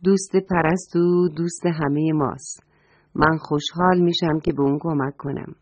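A woman voicing a kind, helpful male elephant in a children's story, speaking calmly. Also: low voice, husky, dry recording. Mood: kindly. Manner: calm and kindly. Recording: dull dry recording, soft music.

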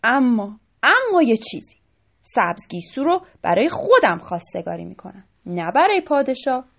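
A woman's voice: fairly high pitch, big pitch swings, vocal fry, a bit bright, exaggerated voice. Jan Morad, read by a woman, a defiant young hero. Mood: determined. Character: stubborn brave young male hero.

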